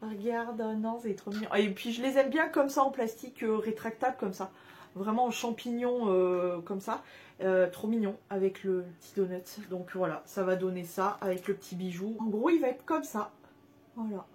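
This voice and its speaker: A woman's voice: mid-range voice, moderate pace, darkish tone. A young woman chatting casually through a shopping haul, gushing over cute items with many fillers and restarts. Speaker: haul vlogger. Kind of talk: casual haul video chat.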